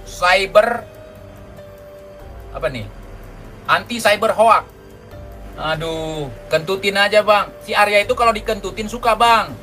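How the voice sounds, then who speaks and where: Male ranter, high bright voice, mocking tone, music bed. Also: a little slow, long pauses, poor audio. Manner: mocking, insulting, scornful. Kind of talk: ranting commentary.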